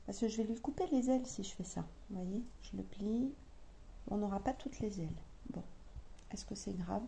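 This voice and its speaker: A woman's voice: medium pitch, a little fast, mellow, a little hiss or hum. A woman with a French accent chatting casually to camera about her sewing, thinking aloud with many hesitations. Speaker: sewing vlogger.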